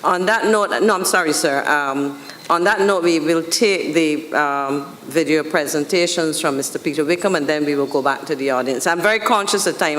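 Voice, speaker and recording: A man's voice: on the high side, fairly bright tone, long reverb tail, a little hiss or hum. A man moderating a public commission hearing who speaks politely and apologetically while keeping an eye on the time. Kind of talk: chairing a public meeting.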